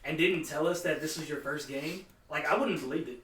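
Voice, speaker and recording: A man's voice: on the high side, a little fast, far from the mic. Casual man in a roomy, noisy room. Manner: loose, swearing, encouraging. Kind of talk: casual group chat.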